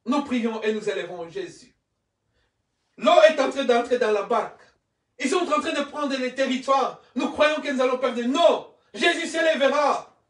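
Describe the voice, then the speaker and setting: A man from Congo preaching an impassioned sermon as a pastor, fervent and often shouting in repeated declarations. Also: extremely high pitch, moderate pace, echoey room, far from the mic. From Congo (DRC).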